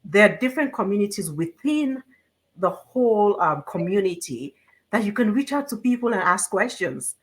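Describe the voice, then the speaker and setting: A woman's voice: mid-range voice, big pitch swings, normal speed. A woman hosting a casual interview, talking in an encouraging, conversational way. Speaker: host.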